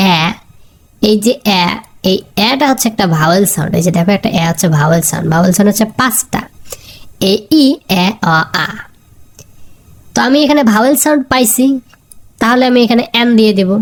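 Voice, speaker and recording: Woman teacher doing a grammar class, repeats the sounds a lot, keeps asking the students stuff. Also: medium pitch. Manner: repeats key sounds, asks students questions. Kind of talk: grammar lesson.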